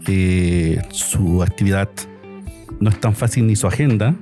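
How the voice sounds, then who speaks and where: A man hosting a podcast, talking in a relaxed, friendly way. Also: deep voice, unhurried, soft background music. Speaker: podcast host, surgeon. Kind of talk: casual interview chat.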